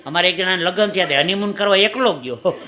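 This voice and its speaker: A man with a Kathiawadi Gujarati accent performing a folk stand-up routine on stage, telling stories and breaking into sung lines and shouted impressions. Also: sits high, quick pace. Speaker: stand-up comedian. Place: stage before a live audience. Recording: live show with loud crowd laughter and noise.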